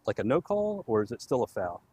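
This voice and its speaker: A man's voice: mid-range voice, sing-song, fairly quick, warm tone, a little hiss or hum. A man giving casual, chatty live commentary on a soccer match for the home club. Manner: chatty, easygoing, laughs easily.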